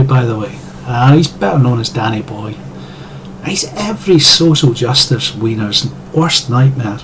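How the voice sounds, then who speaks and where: Sardonic Scottish male commentator, foul-mouthed monologue, average pitch. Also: a little hiss or hum, rough recording. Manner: sardonic, profane. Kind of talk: scripted monologue.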